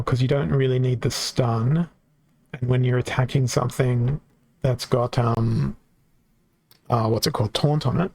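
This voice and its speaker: A man's voice: medium pitch, vocal fry, darkish tone, dry recording. A man streaming a card game from home into a desk microphone, thinking aloud and correcting himself as he goes, his voice worn from hours of talking. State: voice getting worn from long talking. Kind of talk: casual game stream commentary.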